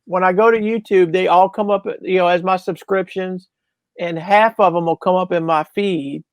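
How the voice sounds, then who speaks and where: A man's voice: sits high, steady tone, normal speed, smooth, dry recording. A man in a casual podcast chat, easygoing and chuckling as he talks.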